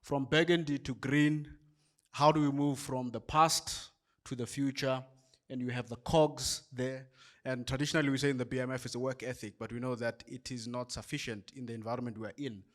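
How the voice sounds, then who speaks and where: A man with a South African accent hosting an event and giving measured, explanatory closing remarks. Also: medium pitch, fairly even intonation. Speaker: event host.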